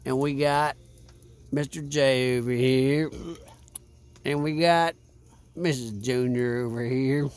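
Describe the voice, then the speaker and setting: Man, vlog host, rambling laid-back beer chat, unhurried. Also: mid-range voice, steady tone, clean tone. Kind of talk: casual beer-review chat by a fire.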